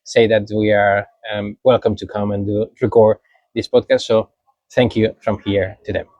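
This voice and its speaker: A man with a Spanish accent, a native Spanish speaker co-hosting a podcast, who talks haltingly and searches for his words. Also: lowish voice, flat delivery, darkish tone, no room sound, lo-fi sound. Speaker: podcast co-host. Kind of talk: casual chat.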